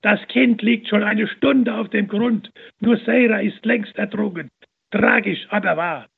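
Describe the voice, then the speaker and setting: A man's voice: high-pitched, steady tone, a little slow, vocal fry, breathy edge, narrow, tinny audio, voice pushed up, full character voice. A man voicing a scornful bystander who jeers at a praying nun, in a story read on the radio. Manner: scornful, jeering.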